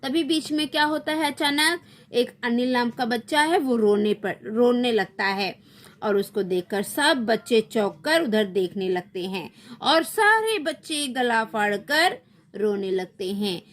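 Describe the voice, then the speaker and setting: A woman's voice: on the high side, animated, measured pace, a bit bright. A woman teacher explaining a school text to children, acting out each line and then repeating and explaining it.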